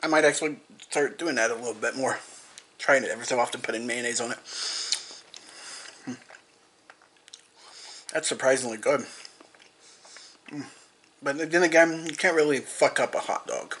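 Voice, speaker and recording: Young man, bright voice, rambling food-taster chewing on camera, faint hum behind. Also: mid-range voice, moderate pace, long pauses. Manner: rambling, repetitive, eats and talks with mouth full. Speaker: vlogger. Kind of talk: casual food-tasting vlog.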